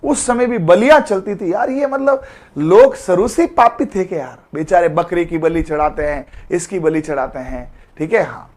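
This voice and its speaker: Male tutor, fairly high pitch, informal, joking live online class. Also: normal speed, a little mellow. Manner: chatty, calls students beta, jokey memory tricks. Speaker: teacher.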